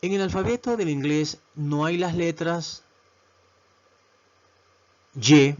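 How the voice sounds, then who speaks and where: A man teaching a video lesson who talks slowly and patiently, repeating words and often checking in with his listeners. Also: a little high, a little mellow, muffled recording. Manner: slow, repetitive, asks "¿verdad?" often. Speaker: English teacher.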